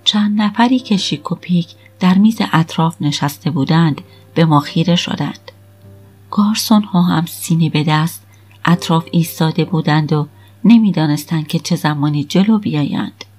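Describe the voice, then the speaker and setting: A woman narrating an audiobook in the first person with steady, even storytelling. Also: low voice, breathy edge, faint music behind.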